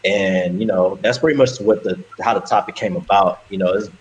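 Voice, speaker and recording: A man's voice: deep voice, fairly quick, rough recording. A man on a casual podcast introducing a topic hesitantly, full of "you know". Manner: hesitant, lots of fillers. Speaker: co-host.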